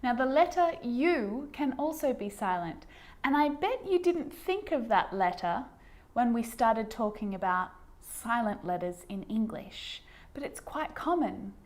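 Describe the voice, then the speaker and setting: A woman teaching English pronunciation who says each example word twice, slowly and clearly. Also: on the high side, animated, a little mellow. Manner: models words twice, clearly and deliberately. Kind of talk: slow instructional explanation.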